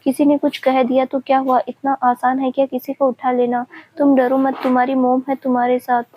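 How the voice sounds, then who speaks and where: A woman's voice: sits high, monotone, brisk, slight background noise, lightly acted. A woman voicing an anxious, protective mother who keeps asking questions. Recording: dull lo-fi recording.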